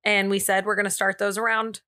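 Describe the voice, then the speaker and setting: A woman's voice: mid-range voice, level tone, a little fast, bright, forceful tone. A woman co-hosting a podcast, chatting casually and telling stories in an informal, playful way with slang. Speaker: podcast co-host. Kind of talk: casual podcast chat and storytelling.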